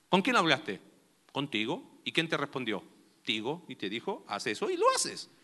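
Young male pastor with a bright, forceful voice who keeps quizzing his congregation. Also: very high voice. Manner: conversational, asks the listeners many rhetorical questions. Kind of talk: sermon.

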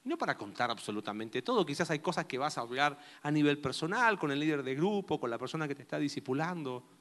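A man's voice: fairly high pitch, very animated, fast talker, fairly bright tone. A young man preaching a sermon in a conversational way, asking his listeners many questions. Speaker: pastor.

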